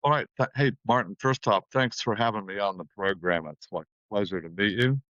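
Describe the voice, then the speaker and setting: Low-voiced man telling a rambling story. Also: fairly quick, a bit bright, dry recording. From New Zealand. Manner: rambling, repeats phrases. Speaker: guest musician. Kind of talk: casual storytelling in an interview. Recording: dull, dry lo-fi sound.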